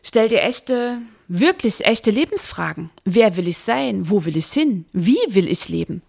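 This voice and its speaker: A woman coach speaking straight to the listener in a motivational podcast monologue, emphatic and exhorting, stressing key words, with a husky, creaky voice. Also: medium pitch, expressive, a little slow, a little mellow. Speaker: business mindset coach, podcast host.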